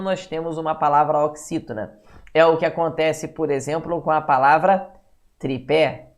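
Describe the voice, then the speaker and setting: Chatty Brazilian teacher checking in. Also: male voice, a little high. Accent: Brazilian Portuguese. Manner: chatty, keeps checking in with "beleza?" and greets viewers by name. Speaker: exam-prep teacher. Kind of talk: live online grammar lesson.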